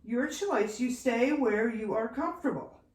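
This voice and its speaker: A woman's voice: fairly high pitch, unhurried, reverberant. A woman yoga instructor calling out poses in a yoga flow class, slightly out of breath as she moves through it. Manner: calm, directive cues, sometimes winded while moving.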